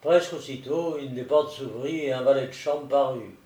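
A man narrating a storybook in a steady, theatrical reading. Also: medium pitch, moderate pace. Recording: roomy echo, distant mic.

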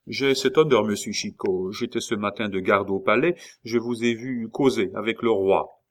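A man voicing a courteous, plain-spoken male sentry in an audiobook, speaking higher and louder than his narration. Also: moderate pace, close to an everyday voice. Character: polite simple male sentry soldier. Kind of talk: audiobook character reading.

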